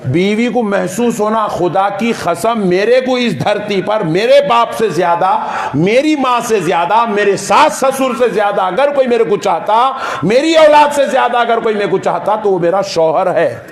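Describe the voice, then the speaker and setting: A male preacher delivers a sermon in a high, ringing voice. He is animated and playful, slipping into quick impressions of family members to drive his point home. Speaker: Islamic preacher.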